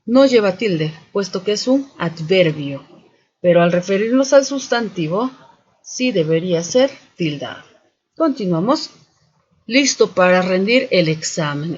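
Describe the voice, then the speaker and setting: Guy teacher going over spelling drills real slow, husky voice, kinda muffled lo-fi audio. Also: high-pitched. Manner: methodical, repeats "continuamos" and "muy bien". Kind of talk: spelling and accent lesson for students. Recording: dull lo-fi sound.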